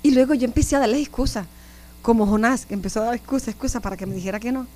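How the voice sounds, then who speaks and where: A nun in her fifties with a Puerto Rican accent shares her testimony in an interview. Her voice sits on the high side and sounds mellow and warm. She tells it vividly and keeps turning to her listeners. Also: rapid-fire. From Puerto Rico. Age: 50s. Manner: animated storyteller, often addresses listeners directly.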